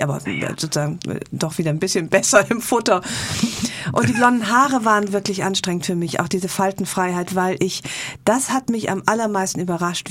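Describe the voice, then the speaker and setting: A middle-aged woman, a talk show guest, telling lively anecdotes with self-mocking humor. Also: lowish voice, slight background noise.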